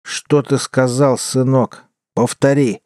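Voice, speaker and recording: Man doing a slow snarling gunslinger. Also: mid-range voice, steady tone, darkish tone, dry recording, studio quality, close to an everyday voice. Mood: menacing. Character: menacing gruff cheating gambler, man. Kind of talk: audiobook character voice.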